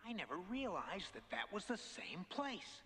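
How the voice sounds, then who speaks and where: A man voicing a boyish, earnest, inquisitive superhero sidekick in an animated cartoon drama. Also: high voice, normal speed, full character voice. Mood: earnest concern. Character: eager, concerned youthful male superhero sidekick. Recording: hall reverb, music underneath.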